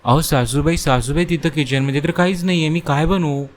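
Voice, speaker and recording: A man voicing a young, anxious but dutiful newlywed daughter-in-law in a cartoon story, speaking in a high, surprised and pleading way. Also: fairly quick, a little hiss or hum, lightly acted. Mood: puzzled.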